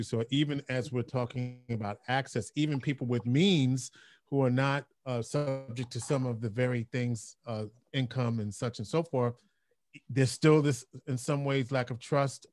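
A middle-aged man moderating a panel on a video call, speaking in a measured, thoughtful way with some restarts, using a headset mic. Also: medium pitch, darkish tone. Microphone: headset with boom mic on a video call.

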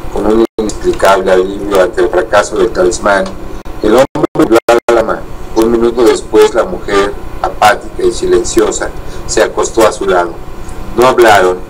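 A man steadily reading a horror story aloud, with a few slips and restarts. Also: fairly low pitch. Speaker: reader. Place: indoors, live stream. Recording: distant mic, faint air-conditioning hum.

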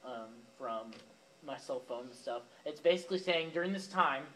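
A man's voice: mid-range voice, lively intonation, moderate pace, a bit bright, slight background noise, low-quality recording. A young man giving a youth sermon in a casual, chatty way, talking straight to the teens. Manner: casual, talks directly to teens with fillers and asides. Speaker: youth pastor. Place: church youth room, with a live audience.

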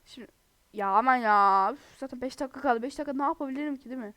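A woman's voice: high voice, very fast, fairly bright tone, dry recording. A young woman who is sick, giving chatty, giggly gameplay commentary to her viewers. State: sick, under the weather. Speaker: gaming video host.

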